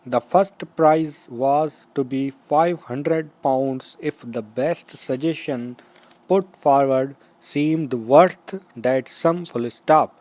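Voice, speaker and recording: A man reads out a school dictation very slowly and deliberately. He breaks the text into short, measured chunks with pauses between them, at a middling pitch. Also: darkish tone. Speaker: dictation reader. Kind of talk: slow school dictation, read aloud with punctuation marks spoken.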